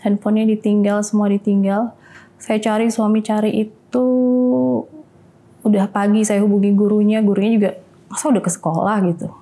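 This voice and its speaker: A woman with a mellow, soft-edged voice at an ordinary pitch. She tells her story in a measured, steady way, laying out each moment in order. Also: rough recording. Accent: Indonesian. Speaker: guest. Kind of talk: personal testimony.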